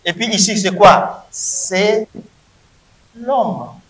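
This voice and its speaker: A man with a high, bright voice gives a slow, emphatic classroom lesson. He drills each point by repeating words. The room is echoey. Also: expressive. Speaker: Hebrew teacher.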